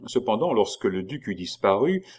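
Un homme qui lit un roman classique d'un ton posé et régulier. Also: male voice, lowish voice, very animated, normal speed, a little mellow, breathy edge. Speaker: audiobook narrator. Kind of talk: classic novel reading.

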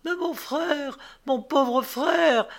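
A man voicing a terrified young maidservant, speaking in a high, pleading, drawn-out voice in an audiobook reading. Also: sing-song.

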